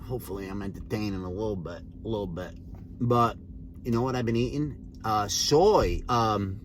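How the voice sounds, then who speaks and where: A man's voice: lowish voice, slight background noise. Laid-back rambling man vlogging. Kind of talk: casual rambling vlog chat.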